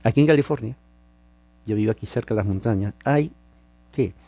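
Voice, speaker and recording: Man, preacher, sermon, mellow warm tone, dry close sound, emphatic, rhetorical questions. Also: fairly low pitch, brisk, dry recording. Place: lives in California.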